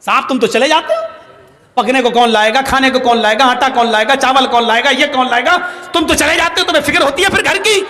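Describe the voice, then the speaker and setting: Shrill nagging wife, done by a man preaching, with long echo. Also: sharp tone. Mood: scolding. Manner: rapid complaining list. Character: scolding wife of the caliph, woman, nagging. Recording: long hall reverb.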